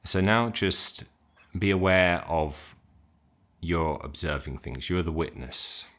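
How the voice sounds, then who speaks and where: Guiding an unscripted meditation, a deep-voiced man speaks slowly. He gives simple instructions in a casual, softly hesitant manner.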